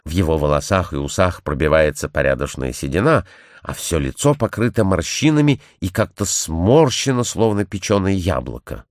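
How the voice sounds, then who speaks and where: A man voicing a timid young blonde woman who earnestly tells what she witnessed, in a measured storytelling manner. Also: deep voice, very animated, no room sound, studio quality.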